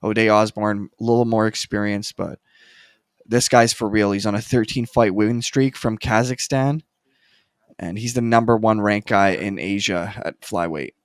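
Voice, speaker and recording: A man co-hosting a casual chat, giving his picks in a relaxed, hesitant way with frequent restarts. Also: fairly low pitch, moderate pace, smooth, no room sound, studio quality. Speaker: co-host making fight picks.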